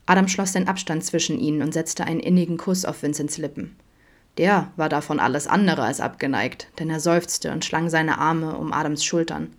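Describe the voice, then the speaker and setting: A woman reading an audiobook aloud in a calm, soft, even manner. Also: low voice, normal speed. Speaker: audiobook reader. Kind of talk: audiobook narration.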